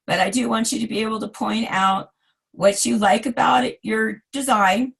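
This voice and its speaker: A hoarse woman in her forties giving a recorded design lecture, chatty and self-deprecating with asides to her students. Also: fairly high pitch, steady tone, moderate pace. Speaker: design instructor.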